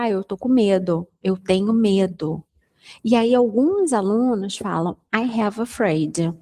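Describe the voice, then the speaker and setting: Slow, mellow-voiced Brazilian woman teacher. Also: medium pitch. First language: Portuguese. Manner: patient, explains slowly with repeated examples. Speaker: English teacher. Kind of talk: casual online English lesson.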